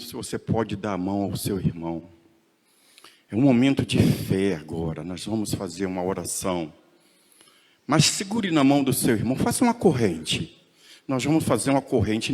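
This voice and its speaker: A man's voice: fairly low pitch, a little mellow. A male pastor leading a congregation in fervent intercessory prayer, urging them on with rising intensity. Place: church sanctuary. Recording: long church hall reverb.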